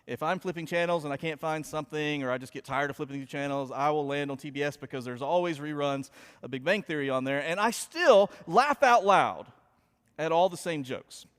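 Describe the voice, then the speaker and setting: A man preaching a sermon, opening with a chatty, animated story told to his congregation. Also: fairly high pitch, fast talker, smooth. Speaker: pastor. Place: church sanctuary. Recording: long hall reverb.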